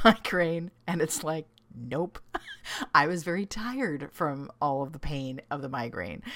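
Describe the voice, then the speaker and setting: A middle-aged woman coaching listeners on self-kindness, talking in a gentle, encouraging way, often checking in with "right?", laughing often and dropping into soft whispered asides. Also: fairly low pitch, no echo. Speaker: self-love coach and podcast host. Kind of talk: casual reflective monologue. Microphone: studio microphone.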